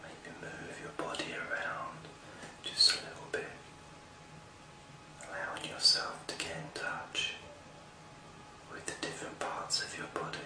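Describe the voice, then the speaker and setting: A man leading a guided relaxation hypnosis in an intimate whisper, as if right in your ear, soothing, with long pauses between short phrases. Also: heavy reverb, far from the mic, low-quality recording. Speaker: hypnosis session host.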